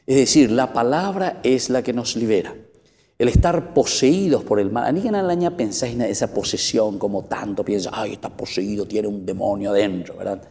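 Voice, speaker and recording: A man's voice: medium pitch, a little mellow. A man with a Paraguayan accent, a priest giving an emphatic sermon that rises to exclamations. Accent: Paraguayan Spanish. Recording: long church reverb.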